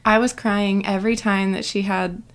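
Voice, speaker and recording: A woman's voice: medium pitch, little pitch movement, normal speed, clean tone. Gushing woman chatting casually about books. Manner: gushing, emotional, many fillers. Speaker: podcast co-host. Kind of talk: casual book chat.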